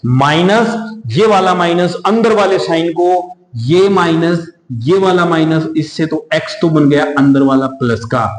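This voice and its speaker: A man teaching a maths lesson in a coaching class, explaining each step patiently, calling his students "beta", and reading English problem text slowly. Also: fairly high pitch, darkish tone. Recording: echoey room.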